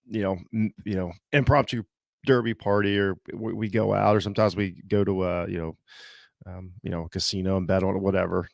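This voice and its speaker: Solo podcast host, slight Southern twang, low and gravelly, halting delivery full of ums. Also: male voice, no room sound, studio quality. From Southeastern Ohio. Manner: halting, many fillers and restarts. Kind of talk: casual solo sports talk.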